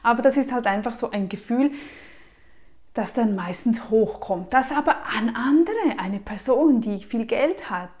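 A woman talks straight to the camera, handing out practical advice in a slightly high voice. She leans hard on key words, then lets her voice sink to a near murmur. The tone stays casual and direct throughout. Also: unhurried. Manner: emphatic and lively, with frequent soft drops in volume. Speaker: personal finance advice vlogger. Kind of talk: casual advice talk to the viewer.

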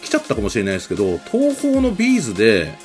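Fast, animated male podcast host. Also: fairly low pitch, soft background music. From Kansai region of Japan. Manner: chatty and effusive, quick reactions. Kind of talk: friendly radio interview.

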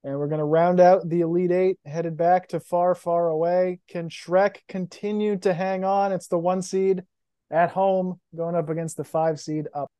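A young man co-hosting a podcast chats casually about movies, emotional and enthusiastic about films. His voice sits high, with fairly even intonation, a moderate pace and a dark, clean tone, and there is no echo.

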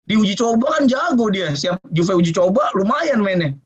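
Male podcaster, high voice, excitable and profane, dull lo-fi audio. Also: normal speed, husky. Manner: excitable, swears and laughs often. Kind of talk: casual podcast chat.

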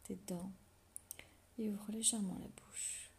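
A woman leads a guided relaxation meditation in a soft, intimate whisper right in your ear, giving slow, soothing instructions with long pauses. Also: medium pitch, fairly even intonation, gravelly.

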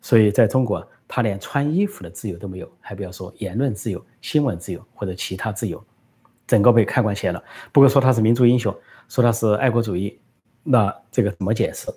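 Low mellow-voiced male commentator. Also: quick pace, slightly rough. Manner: conversational, many fillers. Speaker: political commentator. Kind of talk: political commentary with live Q&A.

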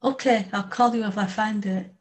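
A woman voicing a young woman who talks in a hushed, secretive way on the phone. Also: mid-range voice, fairly even intonation, normal speed, natural voice. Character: furtive young woman, the narrator's sister.

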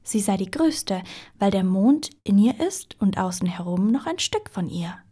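A woman's voice: mid-range voice, expressive, measured pace, dark tone, slightly rough. A woman voicing a very polite, timid male hare in a storybook reading, in whispered role-play with an overly courteous manner.

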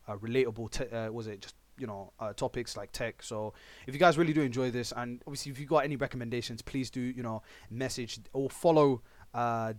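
A man's voice: mid-range voice, dry recording. A young man with a London roadman accent, co-hosting a podcast in joking, slang-heavy casual banter. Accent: London, urban roadman slang. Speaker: podcast co-host.

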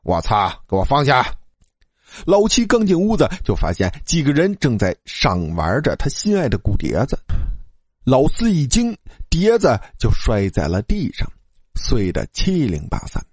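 Animated male storyteller. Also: medium pitch, moderate pace, breathy edge, no room sound, studio quality. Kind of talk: narrating a comic ghost story.

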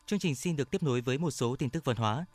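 A man reading scripted radio news in a formal, measured announcer style. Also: mid-range voice, soft background music.

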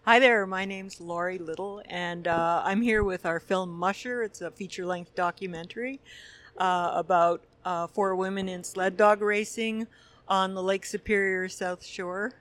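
A woman from Quebec, Canada, a film director being interviewed at a festival, talking thoughtfully with frequent pauses. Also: mid-range voice, steady tone, a bit bright, dry recording. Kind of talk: conversational interview.

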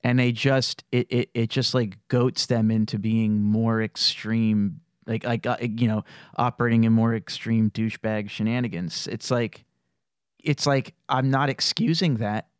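A man with a smooth, resonant voice talks loosely in a casual podcast roundtable, stringing thoughts together with plenty of fillers and swear words. The sound is dry and close, with no room around it. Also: lowish voice, steady tone, unhurried, dry recording. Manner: rambling, heavy on fillers and profanity.

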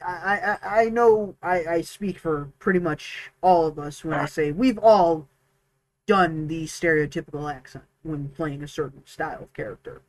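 High-voiced man in halting podcast chat. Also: dry recording, low-quality recording. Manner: rambling, halting, with many restarts and fillers. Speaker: podcast co-host, dungeon master. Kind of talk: casual chat.

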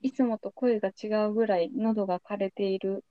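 A woman's voice: medium pitch, steady tone, a little fast, no room sound, narrow, tinny audio. A young adult woman hosting a podcast, chatting casually as she interviews a guest. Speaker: podcast host.

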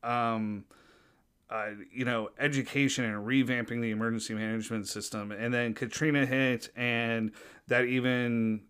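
A man's voice: mid-range voice, level tone, normal speed, a bit bright, clear, resonant tone. A man, a flight paramedic guest, talking in a rambling casual way with many fillers. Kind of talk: casual chat.

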